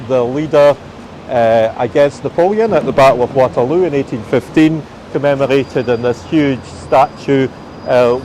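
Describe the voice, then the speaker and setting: A man with a Scottish accent gives an informal, halting live walking-tour commentary as a guide outdoors. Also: mid-range voice, a little mellow, poor audio. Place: outdoors on a rainy city street. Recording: outdoor street noise, passing traffic.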